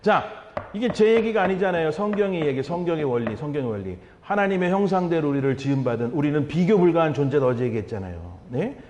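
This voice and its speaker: Animated high-pitched preaching man. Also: quick pace, a little hiss or hum. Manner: animated, asks the congregation questions and repeats key words. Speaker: pastor. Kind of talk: revival meeting sermon. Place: church sanctuary. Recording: dull sound with long hall reverb.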